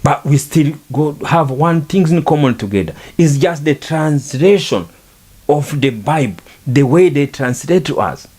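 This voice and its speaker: Middle-aged man, podcast monologue, earnest and repetitive, slow delivery. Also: a little high, animated, darkish tone, slightly rough. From Rwanda. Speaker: podcast speaker. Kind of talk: reflective monologue on faith and culture.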